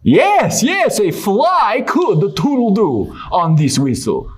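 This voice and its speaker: Sinbad, a grandiose, high-voiced sailor. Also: male voice, big pitch swings, slow, husky, exaggerated voice. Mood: excited. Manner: grandiose, speaks of himself in third person. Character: dramatic adult male sailor adventurer puppet, self-important, prone to despair. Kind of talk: theatrical puppet show performance.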